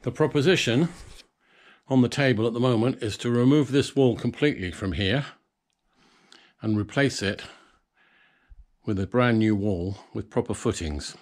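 A man's voice: mid-range voice, darkish tone, no echo. Man giving a casual farm walk-through. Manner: explains step by step, pausing and restarting to correct his words. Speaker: farm restorer vlogging his progress. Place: old stone barn and farmland, outdoors. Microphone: phone camera at arm's length.

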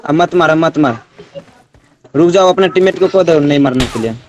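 A man's voice: fairly high pitch, lively intonation, fairly quick, a little mellow, a little hiss or hum. A man giving live commentary on his game, exclaiming and pleading with other players, often repeating himself. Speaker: gamer streaming his match.

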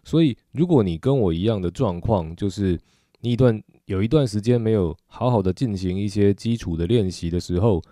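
A man's voice: on the low side, lively intonation, brisk, warm tone, no room sound, clean studio sound. A middle-aged man with a Taiwanese Mandarin accent, explaining drumming technique patiently in a video lesson, with frequent filler particles. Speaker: drum teacher.

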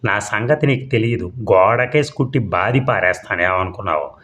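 A man's voice: on the low side, animated, a little fast, fairly bright tone. Man doing a skinny burglar, boastful, threatening, swaggering, comic audio story.

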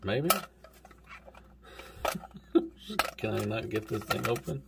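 A toy reviewer with a Southern US accent casually reviews an action figure, rambling in an easygoing way and saying "golly" and "y'all." His voice is on the low side, expressive and slow, with vocal fry, and there's heavy background noise.

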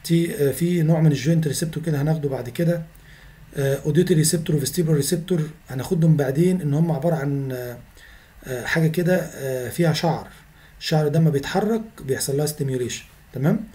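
Egyptian male lecturer, slightly high, very fast delivery, repeats key terms, recorded lecture voice-over. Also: warm tone. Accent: Egyptian Arabic. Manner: rapid, repetitive explaining with frequent "تمام؟" checks. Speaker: medical lecturer.

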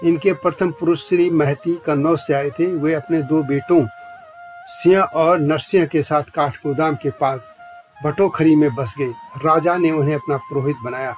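Male narrator, fairly high voice, scripted documentary reading, measured listing of names, faint music underneath. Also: fairly even intonation. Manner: measured reading of long lists of names and places. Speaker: journalist narrating a channel's history series.

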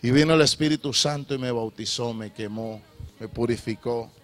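A middle-aged man preaching a sermon, swinging from loud shouted appeals to low, confessional testimony. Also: normal speed, faint music behind.

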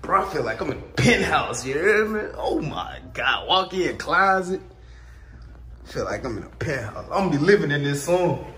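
A young adult man vlogs in a casual, slangy chat, upbeat and emphatic, with a sing-song, pushed, bright voice at normal speed. He films on a phone or action camera held at arm's length, and the handheld audio is noisy with ambient rumble.

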